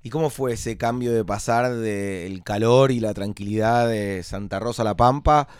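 A man's voice: lowish voice, measured pace, clean tone, dry recording, clean studio sound. An Argentine man hosting an interview podcast, speaking hesitantly with many restarts and fillers. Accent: Argentine Spanish. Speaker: podcast host. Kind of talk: casual interview conversation.

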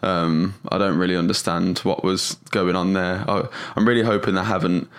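A man's voice: deep voice, level tone, normal speed, smooth. A man co-hosting a casual podcast, hesitant and full of fillers but blunt and sarcastic in his opinions. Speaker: podcast co-host. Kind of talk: casual chat.

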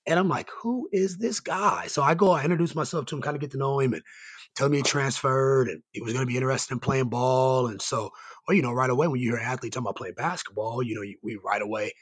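Man, raspy hoarse voice, medium pitch, earnest rambling coach, conversational interview. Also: fairly even intonation, quick pace. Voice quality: raspy, strained voice. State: hoarse from yelling. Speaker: high school basketball coach and site coordinator, guest.

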